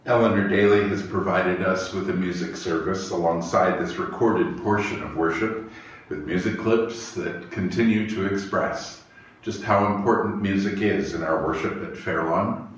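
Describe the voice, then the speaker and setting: Prayers and reflections are read slowly and reverently by a middle-aged minister guiding worship in a small church chapel. He has a low voice. A lapel microphone captures the reading, which sounds echoey and distant with a faint hiss.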